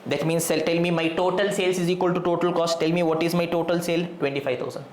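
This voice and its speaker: A man's voice: a little high, level tone, very fast. A man with a South Indian accent lecturing students in colloquial Indian English, often stopping to check that they follow. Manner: frequent check questions to students. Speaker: accounting teacher. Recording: echoey room, faint background noise.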